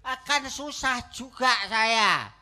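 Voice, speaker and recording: An actor playing a poor, sick husband who is stubborn and moralizing, in a loud, exasperated stage comedy style. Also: male voice, very high voice, expressive, takes it slowly, faint music behind, full character voice. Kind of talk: stage comedy theatre acting.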